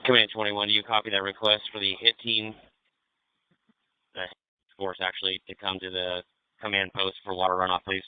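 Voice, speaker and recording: A man's voice: deep voice, completely flat delivery, normal speed, pauses often, smooth. A male fire incident commander giving businesslike, procedural instructions over a two-way radio. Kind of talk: fireground radio traffic. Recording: narrow-band, muffled two-way radio.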